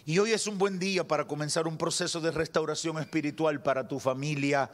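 A man in his thirties with a Dominican Spanish accent, preaching a fervent sermon from a church stage into a handheld mic, moving between loud declarations and slow, hushed lines. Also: on the high side, steady tone. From Dominican Republic. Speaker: pastor. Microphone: handheld microphone at a pulpit.

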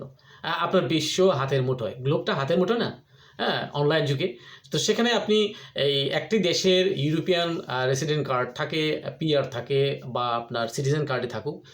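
A middle-aged man talks through practical advice in a loose, rambling way, stopping often on "ah" and restarting his sentences. His voice sits a little high for a man. The room around him has a clear echo. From Bangladesh. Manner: rambling, frequent "ah" fillers and restarts. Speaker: vlogger. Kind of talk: casual advice talk. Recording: echoey room.

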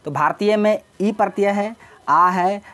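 A woman's voice: mid-range voice, unhurried, fairly bright tone. A woman teaching an exam-prep grammar lesson, explaining step by step and repeating key words.

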